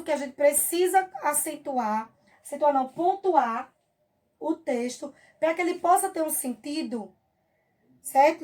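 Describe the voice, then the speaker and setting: A woman's voice: sits high, mellow. A Brazilian woman teacher giving a patient review lesson for children, stretching out her examples and often checking in with the class. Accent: Brazilian Portuguese.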